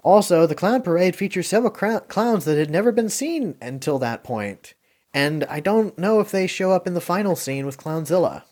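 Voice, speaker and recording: A man's voice: high-pitched, expressive, moderate pace, darkish tone. A man hosting a casual podcast movie review, rambling and hesitant with lots of ums and likes, chuckling now and then.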